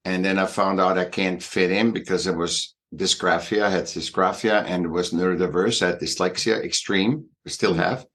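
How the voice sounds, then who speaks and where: Man, sixties, Austrian accent, low-pitched, halting, restarts, interview guest. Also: fairly even intonation, fairly bright tone. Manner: halting, many fillers and restarts, emphatic. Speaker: guest artist and educator. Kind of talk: conversational interview.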